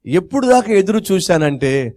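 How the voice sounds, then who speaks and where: A man preaching a sermon who tells a story, repeats phrases for emphasis and acts out the voices in it with big swings in pitch. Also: big pitch swings, moderate pace, warm tone. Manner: addresses listeners directly and repeats phrases for emphasis.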